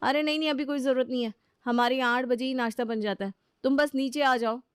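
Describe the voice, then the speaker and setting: Woman doing a shrill, scolding elder sister-in-law. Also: steady tone, fast talker, clean tone, no room sound, studio quality, natural voice. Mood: scolding, exasperated. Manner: scolding, sharp and loud. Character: bossy elder sister-in-law, irritable housewife.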